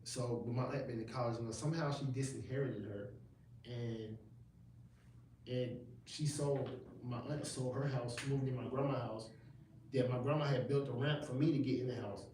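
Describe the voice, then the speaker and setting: A man in his thirties, a gospel rapper, talks casually in a livestream interview, rambling with slang and frequent restarts. His voice is medium-pitched and darkish, with fairly even intonation and a moderate pace. The room is echoey, the mic distant, and there's faint noise.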